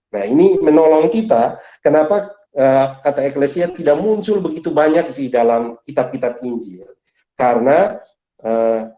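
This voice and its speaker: A man teaching a church study group with a mellow, dark voice, taking it step by step and checking in with a quick "ya". He pushes his pitch up sharply on key words. The sound has a clear room echo. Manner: explains step by step, often adds a questioning "ya".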